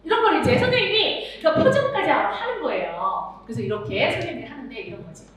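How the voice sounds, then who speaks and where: Animated woman lecturing to teachers in hall. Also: high voice, fast talker, a crowd in the background. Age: middle-aged. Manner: animated, acts out voices and sings examples. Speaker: music teacher giving a seminar. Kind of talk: lively seminar lecture to teachers. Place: large lecture hall with audience. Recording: echoey hall, speaker far off, audience noise.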